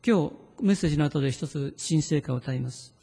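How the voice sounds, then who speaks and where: A male pastor delivers an earnest, pleading sermon in a dark, gravelly voice. Now and then he slows to lead a prayer read aloud. A long reverb from the church hall trails behind his words. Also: fairly high pitch.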